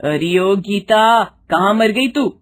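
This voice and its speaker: A cruel, bossy mother-in-law, put on by a woman narrator, barking orders and sneering in a husky voice. She turns sugary only to fool visitors, and the storybook delivery stays sharp and cold. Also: mid-range voice, takes it slowly. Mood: scolding. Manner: shouting, taunting, mock-sweet with guests. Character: harsh, scolding middle-aged mother-in-law.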